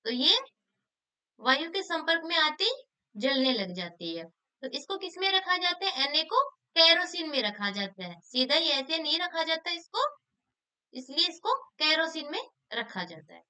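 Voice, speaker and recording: A woman's voice: high-pitched, very animated, unhurried, sharp tone. A woman teacher, explaining exam questions and answering her own questions. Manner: asks questions then answers them herself; repeats key answers for emphasis.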